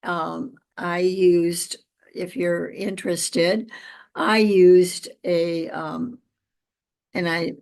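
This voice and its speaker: An older American woman chatting casually, with halting, reflective, unhurried phrasing. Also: lowish voice, level tone, creaky, a little mellow. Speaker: home gardening and food preserving vlogger. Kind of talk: casual chat to camera.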